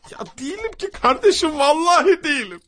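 A man's voice: sits high, quick pace, fairly bright tone, husky, faint music behind, pitched above the performer's own voice. A man voicing a timid, polite stranger who stammers and pleads through tears. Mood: desperate.

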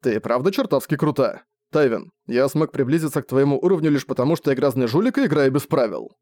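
A man's voice: mid-range voice, lively intonation, fast, darkish tone, close to an everyday voice. A man voicing a flustered young male mage who sounds bewildered and pleading.

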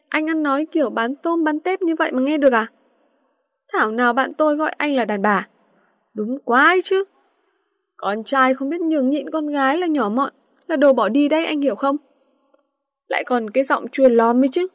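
Woman reading as a scornful, sharp-tongued student girl. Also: high voice, moderate pace, long pauses, no echo, clean studio sound, natural voice. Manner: scolding, scornful.

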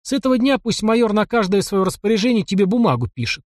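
A man plays a bold young hunter of the taiga with a sharp, scheming tongue. His voice sits raised and lively, mocking whoever he talks to. The sound is dry and close, like a storybook reading. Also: high voice, fast, no room sound, pitched above the performer's own voice. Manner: mocking, cocky and cunning.

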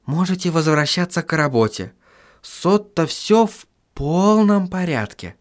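A firm young woman, as a male narrator puts her on, presses her point with steady insistence. The voice sits high above the reader's own. Clean, smooth audiobook sound. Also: a little slow. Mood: firm calm. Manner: urgent and insistent.

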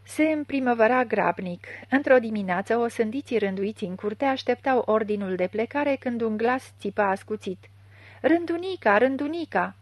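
A woman narrating a literary audiobook with a measured, expressive reading. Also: on the high side, dry recording. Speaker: audiobook reader.

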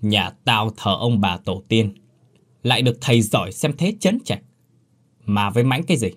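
Man playing a gruff old village landlord, curt commands, raised and husky. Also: lowish voice, animated, normal speed. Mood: grave command.

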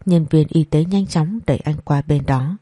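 A story narrator with a mellow, breathy voice reads a dramatic audiobook. The delivery is emotional and tense. The sound is close and dry. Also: mid-range voice, moderate pace, no room sound.

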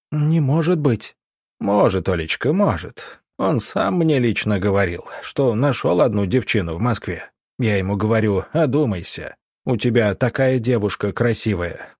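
A man's voice: medium pitch, a little mellow, husky, dry recording, studio quality. A man voicing a sleazy, scheming male military doctor who talks smugly and wheedles, then snarls when cornered.

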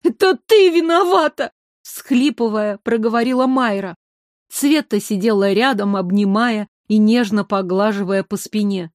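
A woman narrating an audiobook with an expressive storytelling manner. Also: medium pitch, a little slow, dry recording, clean studio sound.

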